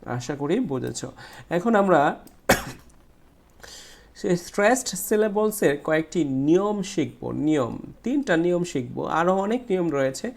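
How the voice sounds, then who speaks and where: A man, teaching a class 5 English lesson and slowly repeating words syllable by syllable. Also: a little high, lively intonation, gravelly, a little mellow. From Bangladesh. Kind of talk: explaining a class 5 English textbook.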